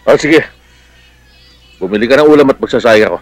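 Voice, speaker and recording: A man's voice: mid-range voice, animated, brisk, dry recording, faint music behind, natural voice. An actor playing a protective, hot-headed middle-aged policeman uncle in a Filipino film drama, with a Filipino accent and a blustery, affectionate manner. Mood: scolding. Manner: blustery, scolding yet affectionate.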